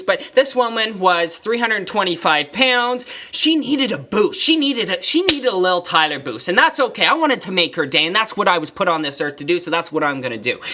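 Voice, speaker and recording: Upbeat male trainer-host, bright forward voice, pumps up listeners with emphatic repeated lines. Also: high voice. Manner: energetic, emphatic, repetitive motivational phrasing. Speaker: fitness trainer and podcast host. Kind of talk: solo motivational podcast storytelling.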